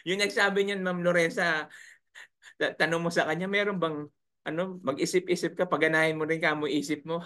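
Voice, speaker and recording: Bright-voiced man coaching a webinar. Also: a little high, fairly even intonation, a little fast. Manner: chiding, rhetorical, keeps asking "right?". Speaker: webinar coach for online sellers. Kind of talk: live webinar talk, reading viewer comments.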